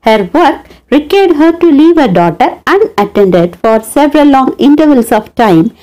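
Her voice sits high and swings widely in pitch, a little mellow, at an ordinary pace, though the recording is low quality. She is the host and narrator of her channel, delivering a scripted tale with dramatic, swooping storytelling.

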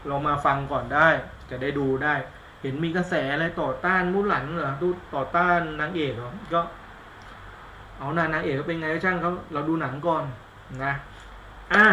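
A man's voice: a little high, sharp tone, roomy sound, a little hiss or hum. A man doing a casual live-stream movie review, chatty and rambling, with blunt slang and self-mocking asides. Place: indoors at home, live stream.

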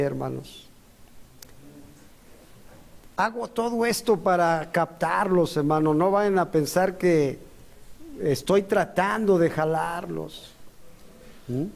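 Male preacher, high-pitched, rambling sermon style. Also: a little mellow. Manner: rambling, conversational, many fillers and asides.

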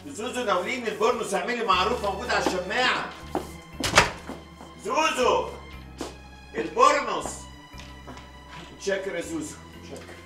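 A man's voice: high-pitched, animated, normal speed, long pauses, recorded from a distance, loud music behind the voice. An actor playing a bumbling middle-aged man in an Egyptian Arabic sitcom, stammering through rambling excuses. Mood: calling out. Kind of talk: sitcom acting. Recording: roomy set, voice from off-mic.

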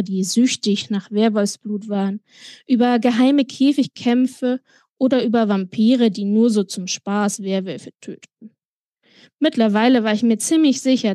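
A woman author reading from her own novel in a calm, even narrating voice. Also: on the high side, dry recording. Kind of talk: audiobook-style reading. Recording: dry close recording.

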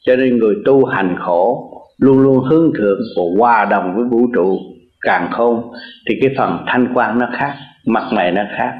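A man's voice: mid-range voice, normal speed. An older man, a spiritual teacher giving a blunt, earnest, teasing sermon and answering listeners. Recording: roomy, dull lo-fi recording.

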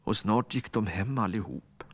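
A man reading a children's story aloud, expressive and sometimes dropping to a hush. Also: fairly low pitch, breathy edge, no echo. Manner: expressive, hushed at times.

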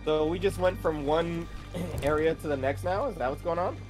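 A man streaming a game with friends in loose, casual chat. He is wry and sarcastic, with clear music behind him. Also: on the high side, moderate pace. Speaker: streamer playing in a group. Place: home room, group video call.

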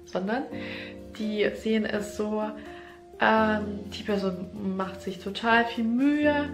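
A woman's voice: medium pitch, fairly even intonation, slow pace. Woman language teacher, chatty video-lesson delivery, talks straight to camera, echoey room, music underneath. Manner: conversational, talks straight to the viewer. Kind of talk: casual explanatory video lesson. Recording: roomy echo with background music. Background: instrumental music.

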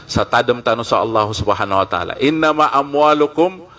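A man's voice: lowish voice, steady tone, quick pace, bright, forceful tone. Brief: male Islamic preacher, live lecture, Arabic recitation, frequent "ha?" checks, many fillers. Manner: recites Arabic hadith and Quran verses, then explains them in Filipino; mixes in Maguindanaon words.

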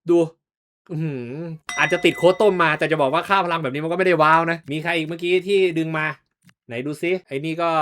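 Brief: bright, high-voiced man, excitable gameplay commentator who swears, faint music underneath. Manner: excitable, swears, talks to viewers. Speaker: gaming YouTuber.

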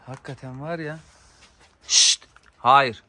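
A man, a father and dog owner, chatting casually to viewers in a yard while giving sharp commands to his dogs. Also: medium pitch, fairly even intonation, takes it slowly, noisy background. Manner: sharp commands to dogs, shooing them back. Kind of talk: casual vlog talk to viewers.

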